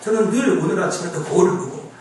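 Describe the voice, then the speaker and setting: Here a pastor with a high, fast-moving voice preaches to his church, chatty and lively, regularly asking the congregation questions. He's miked from far away in an echoing sanctuary, and there's a slight hiss or hum.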